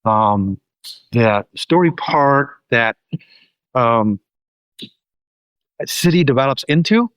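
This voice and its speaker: A man's voice: medium pitch, clear, resonant tone, dry recording, dull audio. New man, dry close sound. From New Zealand. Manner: loose, searching delivery with many ums. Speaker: documentary filmmaker and guest. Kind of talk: casual interview conversation.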